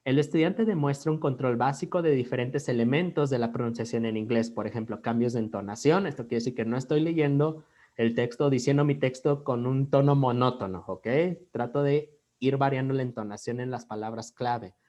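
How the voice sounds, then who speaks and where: Mexican guy teaching english over video call, mixes spanish and english, says ok? constantly, medium pitch. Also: fairly quick, warm tone. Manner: switches between Spanish and English, says "ok?" after nearly every phrase. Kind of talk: online class lecture. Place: online video class.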